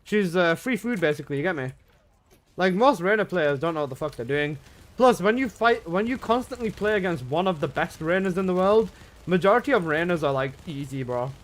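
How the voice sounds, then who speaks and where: A man's voice: high-pitched, lively intonation, fairly quick. Slangy young man streaming games. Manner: laid-back slangy banter, reading and answering chat. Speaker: gaming livestreamer. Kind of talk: casual live-stream chat. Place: his own room at home.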